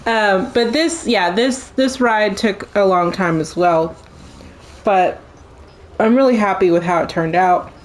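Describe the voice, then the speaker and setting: A woman with the hiccups chatting casually about her park build, halting and correcting herself. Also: medium pitch, rough recording. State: has the hiccups. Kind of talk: casual chat over gameplay.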